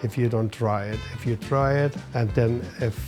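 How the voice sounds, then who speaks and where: Speaking over music, a middle-aged chef and business owner from Finland responds to an interview in hesitant English with a Finnish accent, groping for words along the way. He has a medium-pitched voice and a steady tone.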